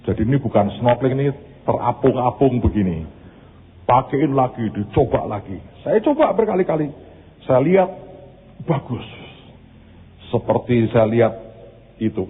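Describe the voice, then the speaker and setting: A man's voice: fairly low pitch, breathy edge. Man, pastor, sermon, storytelling, thin phone-like sound. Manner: storytelling, switching between preaching and casual anecdote.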